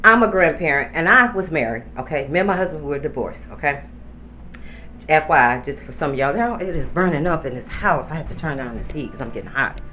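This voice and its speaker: With a low, sharp voice, lively intonation, and a fairly quick pace, this woman in her fifties talks to her viewers from home as a grandmother vlogger. She is chatty and rambling, and there's a little background noise.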